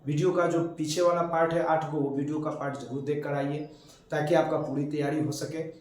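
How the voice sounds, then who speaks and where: A man from India teaches an English lesson in a classroom style, asking his students a question and then answering it himself. His voice sits high. The room around him is strongly echoey. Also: level tone, a little fast, darkish tone. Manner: repeats questions and answers them himself, drilling.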